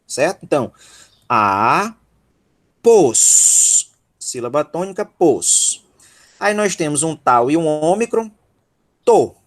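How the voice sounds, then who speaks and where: Speaking slowly but very animatedly, in a slightly high voice with a fairly bright tone, a man teaches Greek syllable by syllable in an online workshop. He has a Brazilian Portuguese accent and is patient and encouraging, regularly checking in with his students.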